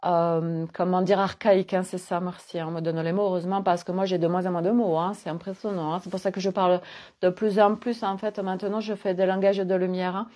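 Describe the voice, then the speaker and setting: A middle-aged woman with a Gers accent from southwest France talks through a loose spiritual monologue as a holistic coach. Her voice is mellow and warm, and she rambles with many hesitations and fillers between her thoughts. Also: on the low side, flat delivery, brisk.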